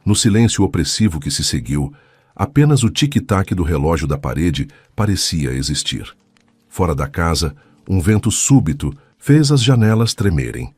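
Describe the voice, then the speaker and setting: A man reading a dramatic story in a measured, scripted narration. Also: deep voice, big pitch swings, a little mellow, slightly rough, no echo, clean studio sound.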